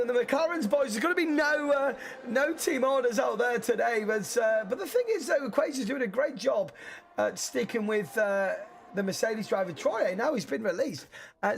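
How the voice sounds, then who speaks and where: A man giving live racing commentary as a motorsport commentator, in a conversational, halting way. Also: very high-pitched, gravelly.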